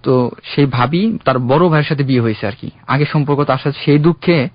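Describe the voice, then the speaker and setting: A man's voice: medium pitch, brisk, no echo. Young man earnestly telling his story. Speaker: caller. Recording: dull, dry radio studio sound.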